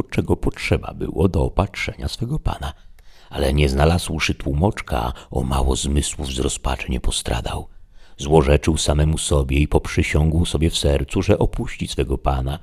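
A man narrating a classic novel as an audiobook in a measured, even reading. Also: extremely low pitch, husky.

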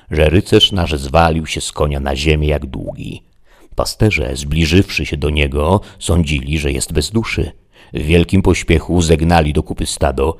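Man, audiobook narrator, very deep voice, husky, measured classic-novel reading. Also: a little mellow.

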